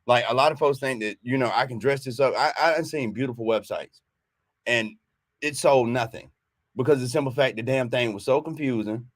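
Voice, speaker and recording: A man's voice: medium pitch, brisk, no room sound, clean studio sound. A man co-hosting a business talk show, chatting casually and animatedly, laughing often and repeating words as he gets going.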